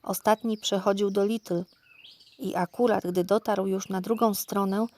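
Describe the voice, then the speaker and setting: A woman narrating a children's audiobook in a calm, clear storytelling voice. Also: medium pitch, normal speed. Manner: calm, even, clear reading.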